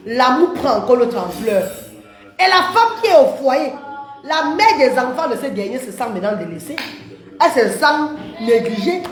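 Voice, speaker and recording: Very animated and high-voiced, a livestream host chats with her viewers at a moderate pace, reading their comments and laughing a lot. She calls them maman and papa, and the space around her echoes.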